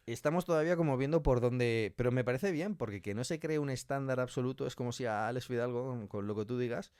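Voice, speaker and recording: Speaking quickly in a smooth, darkish, mid-range voice, a man who writes and directs audio fiction describes his creative work as a podcast guest. The interview is animated, and he's emphatic, often acting out brief quotes. The recording is dry and studio quality.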